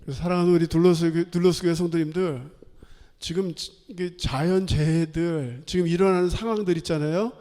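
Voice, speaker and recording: A man preaching a sermon as pastor, animated, acting out quoted voices and laughing often. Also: fairly high pitch. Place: church sanctuary. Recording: long hall reverb.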